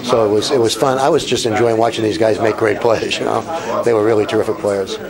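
Older coach over a loud crowd. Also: male voice, on the low side, steady tone, brisk, gravelly, rough recording. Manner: plain-spoken, explains tactics. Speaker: winning team head coach. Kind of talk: postgame interview. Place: indoor arena press area.

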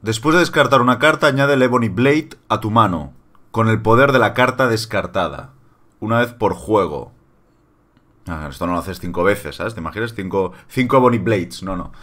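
A man's voice: lowish voice, animated, moderate pace, fairly bright tone. A man in his thirties giving casual reaction commentary as a host at home. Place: small room indoors at home. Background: music from the watched video.

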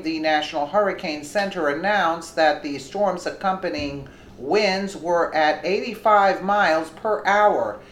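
A woman hosting, reading a news article aloud with brief commentary. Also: low-pitched. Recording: roomy echo, faint background noise.

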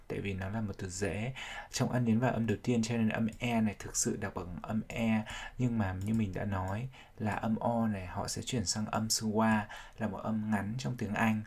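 Gravelly low-voiced male teacher. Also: a little mellow. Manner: explains sounds step by step, repeating words to drill them. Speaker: English teacher. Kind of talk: vocabulary pronunciation lesson.

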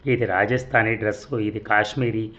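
A man voicing a smooth, persuasive young male photographer who turns curt and commanding. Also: fairly low pitch, fairly even intonation, moderate pace, fairly bright tone, muffled recording, lightly acted. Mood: coaxing. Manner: coaxing, then curt and commanding.

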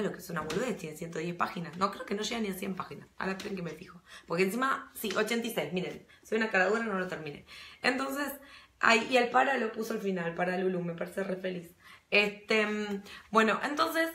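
A woman with a Rioplatense Argentine accent chats casually with her viewers, hopping between thoughts with fillers and restarts. Her voice is bright and forward. The phone or laptop mic picks up a roomy echo around her. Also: medium pitch, slight background noise. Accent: Rioplatense Argentine Spanish. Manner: chatty and rambling, full of fillers and restarts. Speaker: book vlogger. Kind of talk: casual live-stream chat.

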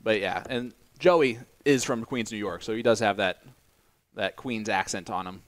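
A man's voice: lowish voice, moderate pace, a bit bright. A man from Indiana with an American accent, hosting casual, bantering darts commentary with a joking, teasing manner. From Indiana, United States. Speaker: stream commentator and host.

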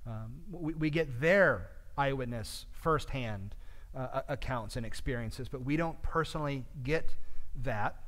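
A man's voice: medium pitch, a little slow, fairly bright tone. A man teaching a midweek Bible study in a church, talking conversationally with frequent fillers, with a long reverb.

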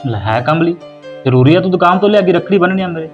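A man's voice: sits high, animated, quick pace, phone-quality sound, soft background music. Man playing a kind loving brother. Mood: comforting. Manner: warm, comforting.

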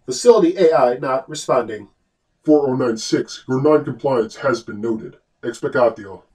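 A man voicing a malfunctioning male facility AI that glitches and repeats itself in flat, clipped announcements, heard from a distance. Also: mid-range voice, moderate pace, close to an everyday voice. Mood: glitching, failing. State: glitching, stuttering system errors and repeats. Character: malfunctioning facility AI system, male, cold, mechanical.

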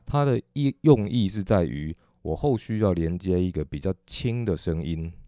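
A man with a Taiwanese Mandarin accent teaching drumming technique, explaining patiently and methodically with frequent soft "oh" fillers. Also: low-pitched, lively intonation, normal speed, dry recording. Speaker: drum teacher. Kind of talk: instructional explanation.

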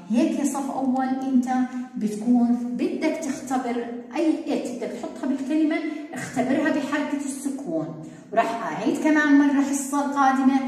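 A woman's voice: fairly high pitch, a little mellow. A woman teaching first graders, drawing out syllables in a sing-song way. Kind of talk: online classroom lesson. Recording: very echoey hall-like room.

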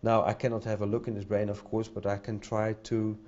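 In a dull, lo-fi podium-mic recording from a conference hall, a middle-aged man with a Dutch accent speaks hesitantly to the audience, full of fillers and repeated words. His voice is lowish and darkish, brisk, with little pitch movement.

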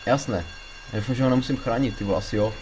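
A man giving casual gameplay commentary, excitable, swearing a lot and panicking loudly when things go wrong. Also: mid-range voice, slight background noise. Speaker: let's play gamer.

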